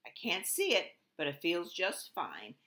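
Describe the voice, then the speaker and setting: A woman's voice: lowish voice, wildly swooping pitch, unhurried, bright, forceful tone, exaggerated voice. A woman voicing a proud, good-natured baby dragon in a storybook reading.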